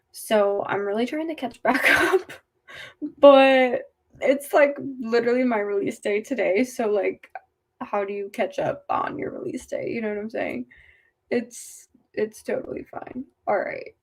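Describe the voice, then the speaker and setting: Rambling and casual, a livestream host chats in a voice on the high side. She has just had her wisdom teeth removed, which leaves her speech slightly off.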